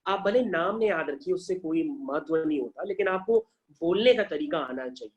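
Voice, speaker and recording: A man's voice: on the high side, expressive, moderate pace, highs cut off. A male math teacher giving an online lesson, coaxing his students, asking questions aloud and answering them, mixing English math terms into his Hindi.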